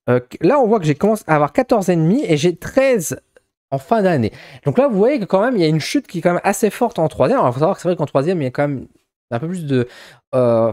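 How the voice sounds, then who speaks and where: A man's voice: fairly high pitch, dark tone, no room sound, studio quality. A shy young man with a Ch'ti accent, from northern France, chatting casually in a vlog with many hesitant restarts. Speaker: vlogger.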